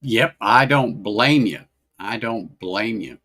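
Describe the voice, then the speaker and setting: A man's voice: fairly low pitch, slow pace, sharp tone. A man hosting a casual whiskey-tasting livestream, rambling, repeating himself and greeting chat viewers by name.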